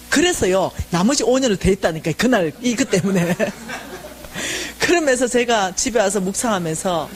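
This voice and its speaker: A middle-aged woman giving a church lecture, telling a personal testimony in an animated way and acting out the voices of the people she quotes. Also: mid-range voice, slight background noise.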